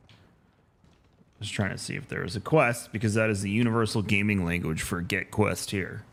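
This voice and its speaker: A man's voice: on the low side, steady tone, moderate pace, gravelly, fairly bright tone. A man streaming a game, chatting casually and thinking aloud with jokes. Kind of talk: casual gameplay commentary.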